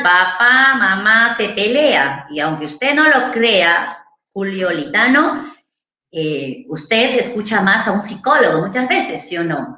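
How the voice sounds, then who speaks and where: A woman's voice: mid-range voice, sharp tone. Woman psychologist in an echoey room. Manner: conversational, ends phrases with tag questions. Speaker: psychologist giving a seminar. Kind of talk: informal lecture answering viewer questions.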